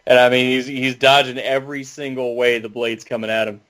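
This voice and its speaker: A man's voice: medium pitch, flat delivery, brisk, a bit bright. A man chatting on a casual podcast, wry and sparing with words. His voice is mid-range and plain. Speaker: podcast co-host.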